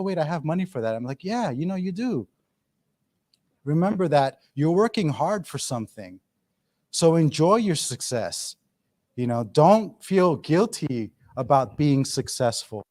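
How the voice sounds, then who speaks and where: A man's voice: medium pitch, darkish tone. A middle-aged man giving a candid, conversational talk to students at a university event, with many restarts. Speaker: guest speaker.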